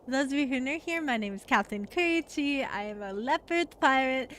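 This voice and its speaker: A woman's voice: high-pitched, animated, brisk, fairly bright tone, a little hiss or hum. A woman livestreamer with a cute, bubbly anime-streamer delivery, chatting casually during a horror game.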